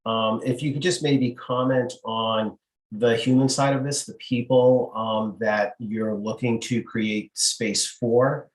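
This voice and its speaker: A man on a town board asking polite, measured questions at a public meeting. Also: mid-range voice, fairly even intonation, echoey room, low-quality recording.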